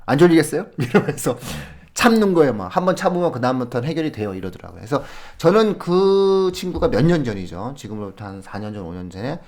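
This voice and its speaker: A man on an education podcast, telling classroom stories in an animated way and laughing often as he gives advice. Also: mid-range voice, fast, few pauses. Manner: animated storytelling with frequent laughs; explains in a friendly advising way. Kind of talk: conversational podcast talk.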